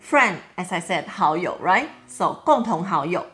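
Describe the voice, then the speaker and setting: A woman's voice: lowish voice, lively intonation, a little slow, a bit bright, soft background music. A woman in her thirties with a Taiwanese accent, a native Mandarin speaker, teaching a language lesson to camera and repeating key terms. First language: Mandarin Chinese. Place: small room at home, indoors.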